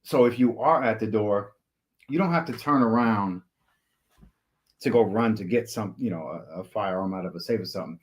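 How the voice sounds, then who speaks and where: A man's voice: fairly low pitch, normal speed. A man co-hosting a livestream, joking loosely and swearing casually. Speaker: livestream co-host. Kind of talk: casual live chat.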